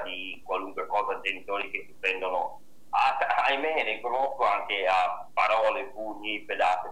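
A man's voice: fairly low pitch, sharp tone, a little hiss or hum. A man calling in to a radio show on speakerphone, sounding distant. He talks in an earnest, moralizing way and stumbles on repeated syllables. He works with young people. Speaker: radio call-in caller. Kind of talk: opinionated call-in talk. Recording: echoey distant speakerphone call.

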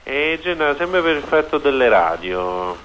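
A man's voice: mid-range voice, big pitch swings, moderate pace, a bit bright. A middle-aged man with a Neapolitan accent chatting casually as a caller to a live show. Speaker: phone-in caller. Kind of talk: casual chat. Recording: phone-in line with background noise.

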